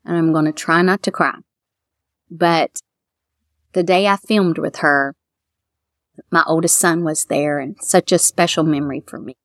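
A middle-aged woman with a Kentucky accent, a bridal shop owner talking warmly and at length in a casual interview. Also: deep voice, a little slow, pauses often, dry recording, clean studio sound. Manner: chatty, heartfelt, quotes others in lively voices.

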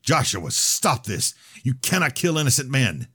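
Outraged older priest, indignant and loud, stretched-out shouts, husky edge, read by a man. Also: medium pitch, very animated, voice pushed up. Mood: pleading. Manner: shouting, drawn-out indignant delivery. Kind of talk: audiobook character voice.

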